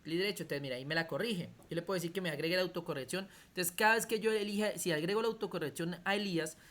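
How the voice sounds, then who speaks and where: A man's voice: high-pitched, very fast, a bit bright. A man teaching a computer class over a video call, explaining step by step and often checking that students follow. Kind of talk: online class lecture.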